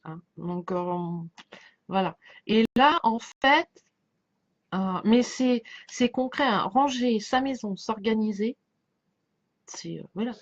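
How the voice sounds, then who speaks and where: Woman, higher-pitched voice, slight lisp, loose halting chat as a card reader, dull lo-fi recording. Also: expressive. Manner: halting, circling back, trailing off mid-thought. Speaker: tarot card reader giving a reading to followers. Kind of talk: casual rambling chat over a tarot spread. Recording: dull lo-fi sound.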